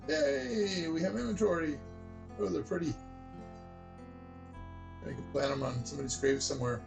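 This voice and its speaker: A man's voice: a little high, normal speed, vocal fry, music in the background. A man giving casual, playful commentary as he plays a game, with a wry streak. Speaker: game designer playing and commenting.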